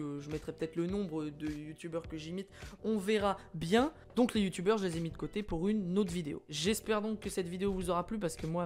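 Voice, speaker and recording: A man's voice: high voice, a little mellow. Chatty young man wrapping up a video. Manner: chatty, rambling, with crude jokes. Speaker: YouTuber. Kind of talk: casual video outro.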